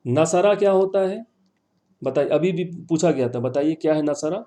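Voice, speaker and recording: Mellow-voiced male teacher drilling words. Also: fairly high pitch. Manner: patient, drills words by repetition and quizzing. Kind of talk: online class lesson.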